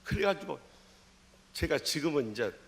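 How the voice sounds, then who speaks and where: Jeolla-accented pastor in his sixties, animated storytelling sermon, rather high voice. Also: normal speed, gravelly. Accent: Jeolla Korean. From Jeolla, Korea. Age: 60s. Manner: storytelling with dramatic swings in pitch and loudness. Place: church sanctuary.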